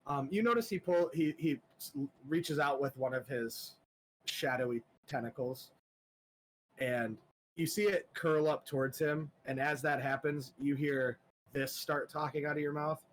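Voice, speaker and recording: A man narrating a tabletop game as game master, halting with many fillers. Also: on the high side, slight background noise, rough recording.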